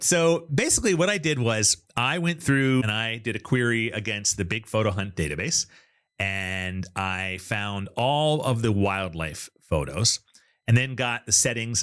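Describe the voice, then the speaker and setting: A man's voice: on the low side, a bit bright. A man hosting an interview, talking in an enthusiastic, chatty way about what he has found. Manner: enthusiastic, chatty, data-minded. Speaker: host. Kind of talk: casual interview chat.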